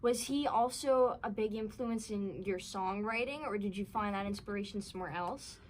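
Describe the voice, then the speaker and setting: A woman's voice: mid-range voice, normal speed, slight background noise. Encouraging Long Island woman host. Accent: Long Island New York. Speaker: podcast co-host. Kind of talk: casual interview chat.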